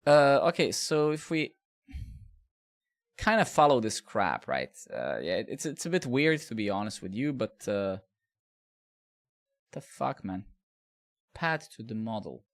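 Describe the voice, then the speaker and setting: A middle-aged Serbian man talks through his code on a live stream in loose, rambling, profane chat directed at his viewers. His voice sits at an ordinary middle pitch and is very animated, a little slow, with frequent pauses, in casual live-coding chat.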